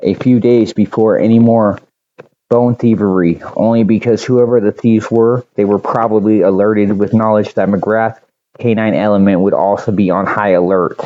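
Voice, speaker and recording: A man narrating a storybook audiobook in a measured, slightly halting reading. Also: on the low side, steady tone, highs cut off.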